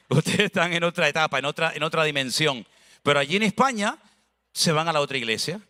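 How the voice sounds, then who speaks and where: Male pastor, high bright voice, animated sermon, long hall echo. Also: brisk. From Spain. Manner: animated, preaching with conversational asides and acted dialogue.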